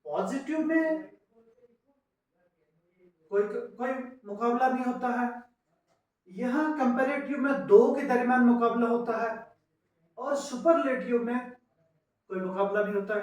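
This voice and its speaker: An English grammar teacher with a high, fairly even voice gives an unhurried classroom lecture, spelling word endings out letter by letter and mixing English terms into his explanations. He's recorded far from the mic in a very echoey room.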